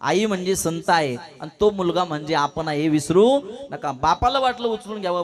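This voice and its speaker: A man with a high voice delivers a devotional kirtan sermon. He keeps asking his listeners questions and gives voices to the people in his story. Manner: questions the audience constantly, acts out voices in the story. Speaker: kirtan preacher. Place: kirtan gathering before a live audience.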